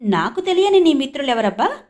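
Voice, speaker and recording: A scornful, sharp-tongued young woman, as a storyteller puts her on spits out her taunts in a bright, high register. Every line comes out louder and higher than the plain narration around it. It reads as a storybook character acted with open contempt. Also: big pitch swings, brisk. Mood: mocking. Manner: mocking, scornful.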